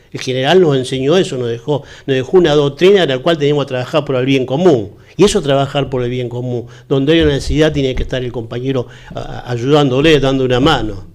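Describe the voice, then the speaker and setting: A man with a Rioplatense Argentine accent, an interview guest recalling the past in an earnest, moralizing way. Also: medium pitch. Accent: Argentine Rioplatense Spanish. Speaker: interview guest, longtime party militant. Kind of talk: reminiscing interview talk.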